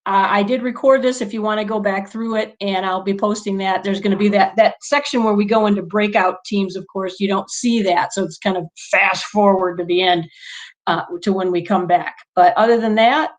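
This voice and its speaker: A woman's voice: medium pitch, moderate pace. A woman instructional coach leading an online meeting, telling a story in a chatty way and acting out the people she quotes. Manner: chatty, animated when quoting people. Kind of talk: casual storytelling to a video meeting.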